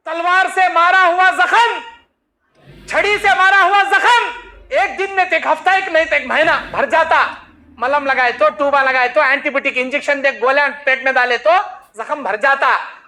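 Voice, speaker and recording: A man's voice: extremely high pitch, sharp tone. A male preacher giving an emphatic, repetitive sermon and acting out the people he talks about.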